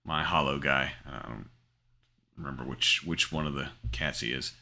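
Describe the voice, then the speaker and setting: Bright low-voiced rambling man. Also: steady tone, moderate pace, vocal fry. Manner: rambling, many fillers and restarts. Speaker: crypto gaming channel host. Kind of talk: casual screen-share commentary.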